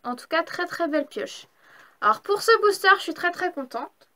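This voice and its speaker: A woman's voice: very high voice, expressive, normal speed, pushed and bright. A young woman chatting casually as she opens trading card packs, enthusiastic and gushing over each card. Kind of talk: casual unboxing vlog.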